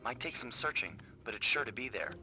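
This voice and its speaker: A man voicing a calm, encouraging male thief in a video game. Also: medium pitch, brisk, music in the background, natural voice.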